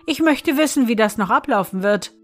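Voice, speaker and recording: A woman's voice: fairly high pitch, lively intonation, brisk, faint music behind. A woman doing a grumbling clerk-turned-lark. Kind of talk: storybook reading.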